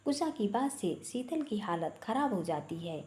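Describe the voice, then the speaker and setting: A woman reading a family story aloud, narrating with an expressive delivery. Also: mid-range voice, unhurried.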